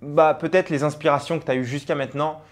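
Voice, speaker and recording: A man's voice: fairly high pitch, steady tone, fast. A young man, a personal branding coach, talking earnestly and directly to the viewer in a motivational vlog, with frequent fillers. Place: abroad on travel.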